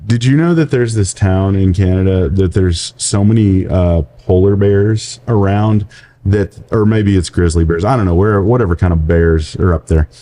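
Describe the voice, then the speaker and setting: Podcast co-host, man in his forties, low and mellow, rambling storyteller. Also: normal speed, slight background noise. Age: 40s. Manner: rambling storyteller, laughs often. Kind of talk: casual chat.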